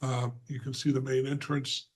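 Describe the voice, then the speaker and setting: A man presenting a plan at a zoning hearing, hoarse and halting, with many fillers and frequent throat clearing. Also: medium pitch, little pitch movement, poor audio. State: hoarse, losing his voice. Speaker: applicant's representative. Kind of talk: presenting at a remote board hearing.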